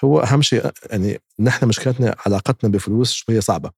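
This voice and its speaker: Fast-talking husky man. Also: fairly low pitch, a little mellow, dry recording, clean studio sound. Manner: emphatic, acts out other people's words. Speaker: guest investor. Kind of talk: casual interview advice.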